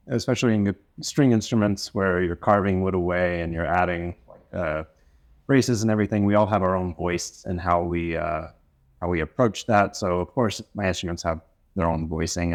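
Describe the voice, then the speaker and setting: A man in his thirties, originally from North Carolina, answers interview questions about his work as an instrument maker. His voice is deep and low, and he's relaxed, easygoing, and thoughtful, often pausing with "uh" to find his words.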